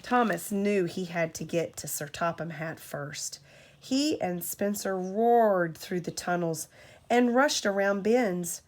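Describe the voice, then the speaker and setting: A woman with a lowish voice reads a storybook aloud to a child, taking on a parent's expressive and deliberate storytelling style.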